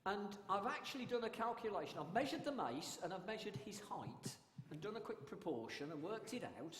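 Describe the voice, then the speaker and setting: Male town crier as lecturer: high voice, measured emphatic oratory, reverberant hall. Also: a little hiss or hum. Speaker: town crier giving a talk. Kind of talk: public history talk. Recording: echoey hall with long reverb.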